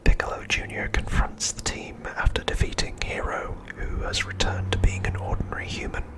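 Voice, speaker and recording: An ASMR host, a man, narrates a scripted recap in a breathy, unvoiced whisper, keeping his delivery hushed and measured.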